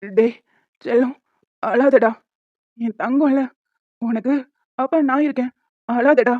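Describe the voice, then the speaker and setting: A woman's voice: a little high, slow, no room sound. A tearful grieving young father, voiced by a woman. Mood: tender, tearful. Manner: tender, tearful cooing. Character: grieving young father soothing his newborn son. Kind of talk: amateur animated drama. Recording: dry, slightly dull lo-fi.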